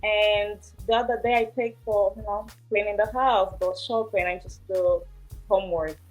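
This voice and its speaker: A woman in her twenties, from Portugal and raised in Angola, answering interview questions in a hesitant way with many pauses. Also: medium pitch, steady tone, soft background music, poor audio. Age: 20s. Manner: hesitant, many ums and uhs. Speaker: interview guest. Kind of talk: casual interview.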